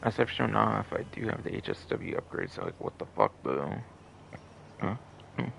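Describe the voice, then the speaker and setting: Live-streaming a game, a man grumbles and swears casually, muttering along and often repeating himself in foul-mouthed commentary. His lowish, gravelly voice swoops wildly in pitch at a moderate pace, with loud noise behind it.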